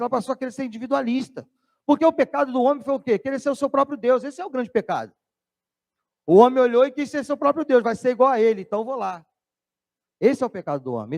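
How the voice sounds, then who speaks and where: Male pastor preaching, high pitched, animated, Brazilian Portuguese accent. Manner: animated preaching, drops voice low to tell stories. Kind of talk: sermon.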